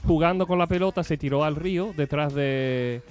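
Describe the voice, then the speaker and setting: A man on a radio chat show telling a story in a lively, animated way and acting out his own cries. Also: a little high, normal speed. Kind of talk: casual storytelling.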